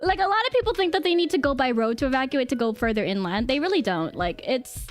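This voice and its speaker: A woman's voice: high-pitched, lively intonation, fast, faint music behind. A woman hosting a livestream, explaining things casually to viewers in an informal, giggly way and often repeating her phrases. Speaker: livestream host.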